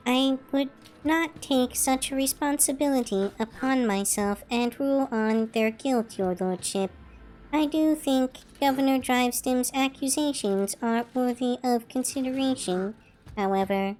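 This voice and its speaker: A woman's voice: high-pitched, darkish tone. Woman reading as a cold augmented noblewoman. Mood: formal. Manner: formal, measured.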